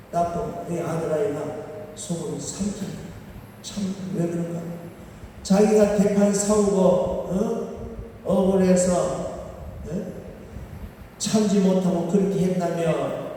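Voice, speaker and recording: A male pastor preaching a revival sermon in a high, dark and mellow voice. He tells the story with emphasis and keeps checking in with his listeners with short prompts. He sounds far from the mic, in a large, booming hall with long reverb. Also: a little hiss or hum. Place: large prayer-retreat hall.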